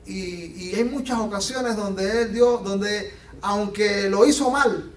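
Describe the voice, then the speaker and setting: A man preaching a sermon as pastor, animated and acting out the Bible scenes he tells. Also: high-pitched, slow, slight background noise. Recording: echoey room from a distance.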